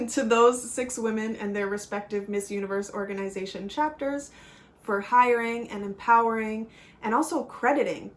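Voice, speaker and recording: Earnest chatty woman vlogger. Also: on the high side. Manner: earnest, apologetic, chatty with filler ums. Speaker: pageant vlogger and fashion photographer. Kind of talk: casual vlog commentary.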